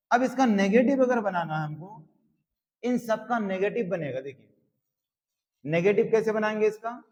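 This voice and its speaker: A man teaching English grammar in a slow classroom style, repeating each phrase word by word. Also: high-pitched, in a large hall, rough recording. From Bihar, India.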